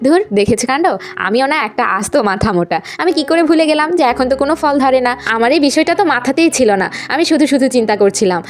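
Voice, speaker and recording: A woman's voice: high-pitched, lively intonation, quick pace. A woman voicing a worried young woman who frets over her tree and scolds herself. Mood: fretful. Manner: fretful, self-scolding. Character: worried young woman gardener, self-mocking.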